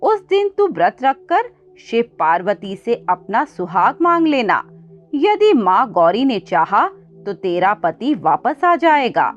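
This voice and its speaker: A woman's voice: on the high side, big pitch swings, slow pace. Woman doing a kindly old Brahmin woman. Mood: comforting. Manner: gentle, comforting. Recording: dull lo-fi with faint music.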